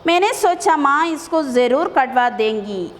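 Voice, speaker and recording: A woman's voice: high voice, expressive, unhurried, big-room sound, slight background noise. A woman teacher reading a Hindi story aloud, repeating lines and explaining words in English.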